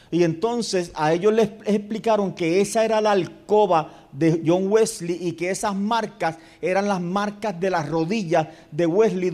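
Guy preaching in church, high voice, tells stories then goes quiet and prays soft over and over. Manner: storytelling, dropping to hushed repeated prayer. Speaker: pastor. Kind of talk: sermon.

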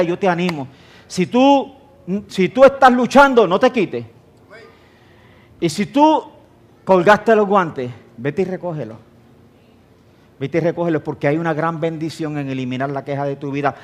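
A middle-aged man preaching a sermon, telling stories with laughter. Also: fairly high pitch. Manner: animated storytelling, laughing, acting out voices. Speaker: pastor.

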